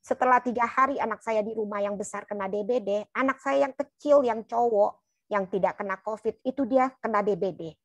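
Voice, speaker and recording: A woman's voice: on the high side, brisk, dry recording. A woman telling a personal testimony in church in an earnest, colloquial storytelling manner, often turning to her listeners. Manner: earnest, keeps addressing listeners as "brothers and sisters". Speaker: church member giving testimony.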